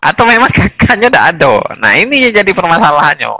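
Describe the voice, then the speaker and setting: A man in a casual conversation explaining village administration, animated and often chuckling between points. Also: high-pitched, quick pace, dry recording, poor audio.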